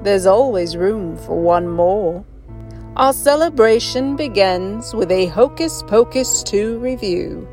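A woman voicing a theatrical, spooky female ghost host who welcomes listeners with slow, drawn-out, ominous lines and eerie laughs. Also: mid-range voice, animated, darkish tone, soft background music. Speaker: podcast co-host.

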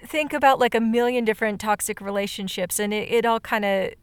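A woman co-hosting a podcast, talking casually and reflectively in a halting, thoughtful way, her voice starting to give out. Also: fairly high pitch, clean tone, no room sound. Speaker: podcast co-host.

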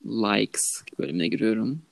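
A man's voice: on the low side, a little slow, creaky, no echo. A young man co-hosting a casual chat, joking and teasing his friend.

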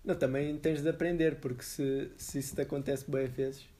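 A young man in casual, slangy podcast chat, thinking aloud in halting repetitions. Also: medium pitch, steady tone, mellow, a little hiss or hum. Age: young adult. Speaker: podcast co-host.

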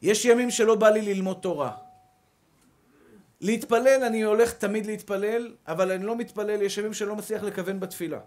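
A male rabbi preaching a sermon with a notably high voice. He speaks emphatically and builds energy through repeated rallying calls. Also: darkish tone.

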